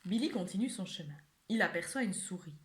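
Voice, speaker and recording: A woman reading a children's picture book aloud in an expressive, playful way. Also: medium pitch, fairly quick. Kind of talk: read-aloud storytelling.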